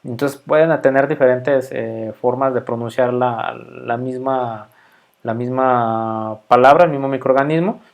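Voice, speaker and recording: A man's voice: medium pitch, steady tone, unhurried. Mexican male lecturer, middle-aged, conversational and filler-heavy, keeps checking in with the class. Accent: Mexican Spanish. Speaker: university microbiology lecturer. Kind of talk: casual recorded lecture.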